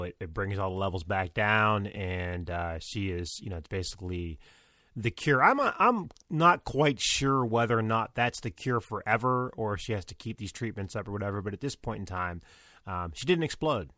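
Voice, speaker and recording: A man's voice: lowish voice, lively intonation, normal speed, bright, forceful tone, no echo, clean studio sound. A man casually talking through his thoughts on a TV episode, rambling with many restarts. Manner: rambling, lots of fillers and restarts. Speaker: show reviewer and host. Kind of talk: casual commentary on a TV show.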